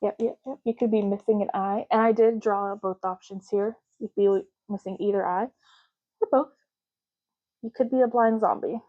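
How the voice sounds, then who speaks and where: A woman with a medium-pitched voice performs a soft-spoken ASMR roleplay as an ID card clerk serving a customer. Breathy and slow, she occasionally drops to a whisper and lingers gently on repeated words, all in a muffled recording with a casual feel.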